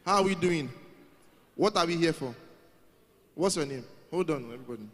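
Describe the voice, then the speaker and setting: At a live youth event in a large hall, a man hosts the show, coaxing the crowd, calling out to them and repeating himself. His voice is on the high side and expressive, at a moderate pace.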